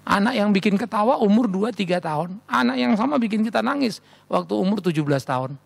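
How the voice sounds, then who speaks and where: Lively gravelly male pastor preaching. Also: sits high, fast talker. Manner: storytelling, animated, acts out quoted voices. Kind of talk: sermon. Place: large church hall.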